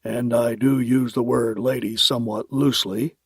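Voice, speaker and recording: A man's voice: medium pitch, fairly even intonation, moderate pace, gravelly, husky, no room sound, clean studio sound, pitched below the performer's own voice. A man voicing a wry, talkative elderly uncle in an audiobook, genial and teasing as he tells a story. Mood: fond.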